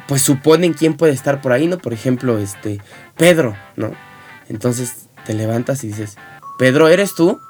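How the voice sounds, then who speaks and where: Playful host with a Mexican accent. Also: medium pitch. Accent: Mexican Spanish. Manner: playful, acts out scenes in put-on voices. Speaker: show host. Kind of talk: comedic advice monologue.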